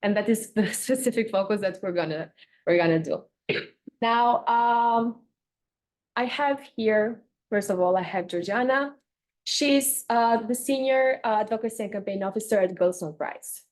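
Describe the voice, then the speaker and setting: A woman moderating a panel, introducing a speaker informally in a halting way, rephrasing as she goes. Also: mid-range voice, darkish tone.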